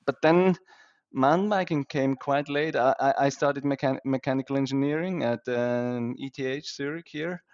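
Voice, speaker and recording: A man's voice: mid-range voice, moderate pace, a little mellow, lo-fi sound. A man from Switzerland with Swiss German as his first language, a podcast guest who talks with enthusiasm, laughs often and restarts his words. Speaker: guest, company founder. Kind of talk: casual interview.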